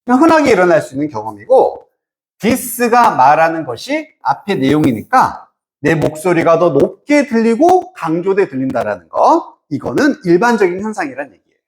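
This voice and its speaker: A Korean-speaking English teacher explaining a reading passage to students. Reads English phrases slowly, translates them, and often checks in with rhetorical questions. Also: mid-range voice, sing-song.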